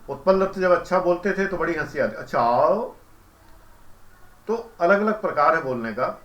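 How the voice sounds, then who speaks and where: A man giving a calm, explanatory devotional lecture as a spiritual teacher, who chants mantras slowly. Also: fairly high pitch, roomy sound.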